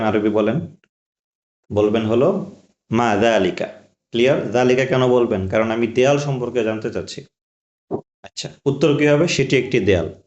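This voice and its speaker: A man teaching a patient language lesson at a steady middle pitch. He says each phrase slowly and repeats it, then asks the listener to answer. The recording sounds roomy and slightly dull. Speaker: Arabic teacher. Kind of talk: spoken lesson drilling questions and answers.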